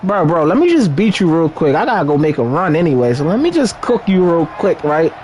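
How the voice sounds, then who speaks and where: A man from Philadelphia talks casually while he plays, boastful and teasing toward his opponent. His voice sits high and swings up and down a lot. A faint background hum runs under it. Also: big pitch swings, a little fast, darkish tone. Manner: playful, boastful trash-talking. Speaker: gamer streaming a football video game. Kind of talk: casual trash-talk while playing.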